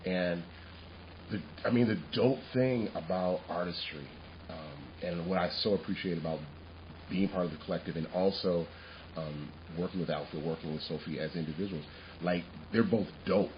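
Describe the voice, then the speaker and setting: A man co-hosting a casual podcast chat, animated and laughing often, restarting his sentences as he goes. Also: deep voice, moderate pace, dull audio, a little hiss or hum. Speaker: podcast co-host.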